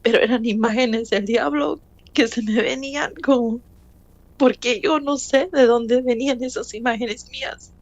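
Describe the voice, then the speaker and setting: A woman's voice: a little high, fairly even intonation, unhurried. A middle-aged woman giving a personal faith testimony, telling her story earnestly and repeating phrases for emphasis.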